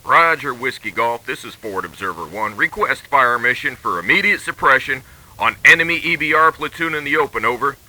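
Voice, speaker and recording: A man's voice: mid-range voice, brisk. A man voicing a forward observer over a crackly field radio. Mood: terse. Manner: clipped radio protocol, steady call signs. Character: adult male forward observer calling artillery. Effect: military field radio transmission.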